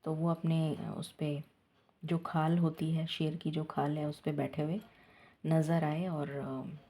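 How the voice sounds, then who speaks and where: A woman, a tarot reader leading a slow prayer and reading, a little out of breath. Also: sits low, little pitch movement. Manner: slow and soft, switching between Hindi and English.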